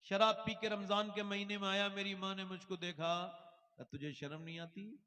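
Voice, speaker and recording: A man with an Indian accent preaching a sermon at a religious conference, telling stories with dramatic swings from hushed lows to shouted highs. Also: level tone, normal speed, distant mic. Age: adult, father died 24 years ago. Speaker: Islamic preacher. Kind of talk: impassioned sermon storytelling. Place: outdoor religious conference stage.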